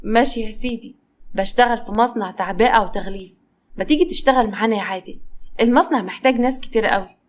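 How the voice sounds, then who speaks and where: A woman's voice: fairly high pitch, fast, a little hiss or hum, lightly acted. A woman with an Egyptian accent voicing a man's friend who talks to him bluntly and scolds him. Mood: scolding.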